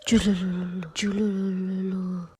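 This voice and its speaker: A woman voicing a sly male fox who talks his friend into a bet and slowly weakens, his calls drawn out and fading to a whisper. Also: high voice, dark tone, no echo. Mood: faint, freezing. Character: sly male fox, boastful then freezing and weak.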